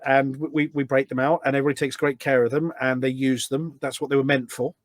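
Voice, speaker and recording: Fast and flat, a middle-aged man's medium-pitched voice comes through a dry recording. He is a volunteer event organiser guesting on a podcast, talking casually and at length in a conversational interview with an anecdotal style of explanation.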